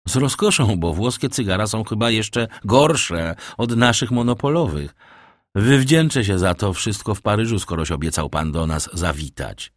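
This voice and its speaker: A man voicing a vain, cheerful young gentleman, lifting his voice higher and airier, read in an audiobook. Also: animated, normal speed, dry recording, clean studio sound, natural voice. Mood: airy.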